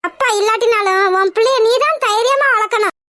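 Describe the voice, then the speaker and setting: A woman voicing a bold, protective middle-aged aunt in a cartoon, with a very high squeaky voice and a brisk, commanding, scolding manner. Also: pushed and bright. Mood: stern. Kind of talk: cartoon voice acting.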